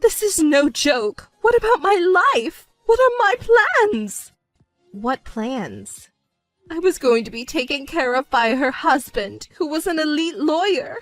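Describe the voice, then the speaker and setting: A woman voicing a selfish, manipulative middle-aged stepmother with a shrill, wailing voice. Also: lively intonation, measured pace, no echo, soft background music. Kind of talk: dramatized story narration.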